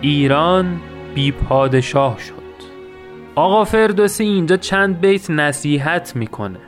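A man's voice: on the high side, animated, soft background music. A man hosting a podcast who retells an old epic in casual, joking speech and recites verse lines between the storytelling. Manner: colloquial and joking, mixes slang with chanted epic verse. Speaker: podcast host retelling the Shahnameh.

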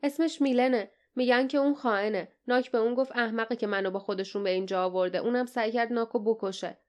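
A weary young captive, miserable and anxious, as a woman reads him in an audiobook. The voice lifts a little higher than her narration. It stays smooth and clear. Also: steady tone, a little mellow, lightly acted.

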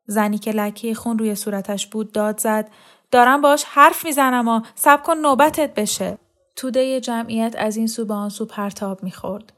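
A woman reading a novel aloud as scripted narration, lifting her voice for shouted dialogue. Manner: raises pitch and volume for shouted dialogue. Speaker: audiobook reader.

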